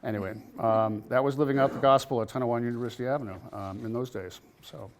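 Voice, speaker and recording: Man in his 60s recalling the old days, halting and chuckly, lots of ums. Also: mid-range voice, steady tone, very noisy. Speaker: alumnus speaking at an anniversary gathering. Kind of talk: personal reminiscence speech. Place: campus ministry house at a celebration.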